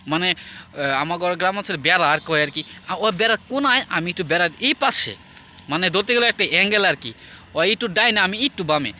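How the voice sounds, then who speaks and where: Bright-voiced chatty man. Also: high-pitched, animated, fairly quick. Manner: chatty and conversational, often drops into hushed tones, many fillers. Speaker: storyteller addressing viewers. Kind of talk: casual storytelling monologue.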